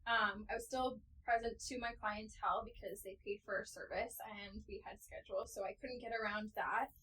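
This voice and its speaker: A woman's voice: medium pitch, fairly even intonation, moderate pace, bright, forceful tone, slight background noise, poor audio. A woman co-hosting a podcast, talking openly and emotionally, tearful as she speaks. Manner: open, emotional, talks through tears. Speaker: podcast co-host. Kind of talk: casual chat.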